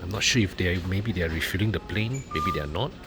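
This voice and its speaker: A man's voice: deep voice, expressive, quick pace, music in the background. A man with a Malaysian accent chats casually and colloquially as a travel vlogger, using local slang particles like lah. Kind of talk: casual chat to camera. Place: airport departure lounge. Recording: busy airport crowd noise behind. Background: loud crowd chatter.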